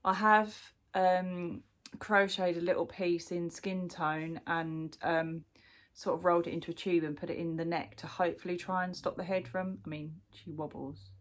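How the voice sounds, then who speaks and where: At a moderate pace and a fairly low pitch with little variation, a woman from the UK shows off her crochet in progress. Her nose is stuffed up from a cold, and the chatty update is full of hesitations and restarts.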